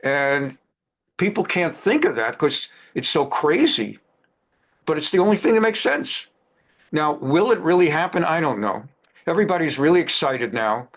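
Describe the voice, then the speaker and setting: Male religious teacher lecturing, emphatic and repetitive, slightly high voice. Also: big pitch swings, normal speed. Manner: emphatic, repeats phrases for stress. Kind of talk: lecture on current events.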